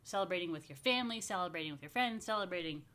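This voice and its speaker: Her voice sits lowish and a bit bright, expressive and rapid-fire, as this woman rabbi leads a family story time. Talking playfully and casually straight to young families, she adds informal asides, asks them questions, and invites them to take part.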